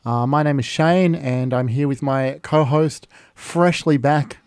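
A man hosts a community radio talk show with a dry, teasing humour. His mid-pitched voice is recorded close and dry. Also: steady tone, measured pace, darkish tone, smooth, no echo. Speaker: host. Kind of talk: casual radio chat.

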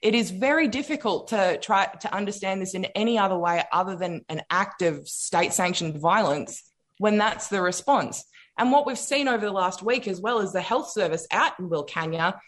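An Australian woman speaking in an impassioned political discussion, emphatic and indignant, repeating phrases for weight. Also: mid-range voice.

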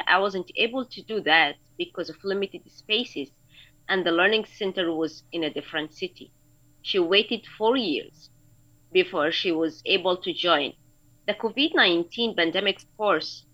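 A woman from Sudan, a guest writer co-presenting a radio show, with hesitant fillers when chatting and a steady manner when reading. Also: on the low side. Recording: dull lo-fi remote recording.

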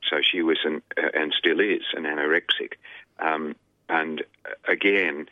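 An Australian man, a radio guest, telling his life story in a halting way with many pauses and fillers. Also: very deep voice, steady tone, no room sound. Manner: halting, many ums and uhs. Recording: dry tinny phone line.

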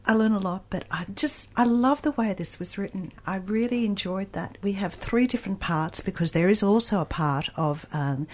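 A woman talks through a novel she loved with its author. Her voice sits fairly low and has a husky edge. She speaks with eager enthusiasm and often restarts her sentences. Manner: enthusiastic, animated, with frequent restarts and laughs. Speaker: radio book reviewer interviewing an author. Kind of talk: conversational book discussion.

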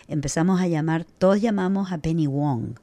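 A woman's voice: deep voice, moderate pace, dark tone, dry recording. A woman hosting a radio conversation, an attentive interviewer who often agrees and asks questions. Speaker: radio host.

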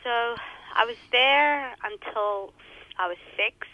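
A woman's voice: a little high, slow pace, dull audio. A woman in her thirties from Somalia, a radio interview guest speaking thoughtfully and with some hesitation. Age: 30s. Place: radio studio.

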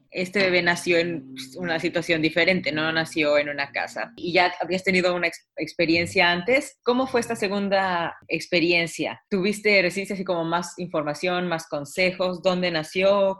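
A woman interviews a guest, her voice somewhat low. She asks gentle, probing questions and restarts a few of them. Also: moderate pace.

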